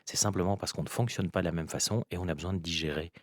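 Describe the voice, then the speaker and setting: A man's voice: deep voice, rapid-fire, no echo. A man giving expert advice in an interview, didactic, often asking questions and answering them himself. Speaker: guest expert sexologist.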